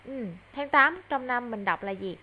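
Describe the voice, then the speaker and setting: Female tutor, fairly high voice, patient and coaxing, muffled video-call sound. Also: expressive, a little slow. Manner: patient, coaxing, addresses child as teacher. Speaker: English tutor. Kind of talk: online one-on-one lesson.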